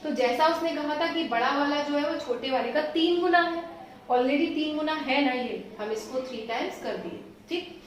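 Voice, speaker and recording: A woman math teacher explaining solutions step by step, patient and reassuring, slowing down as she writes. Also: sits high. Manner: patient, reassuring, slows down while writing. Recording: echoey room, voice from a distance.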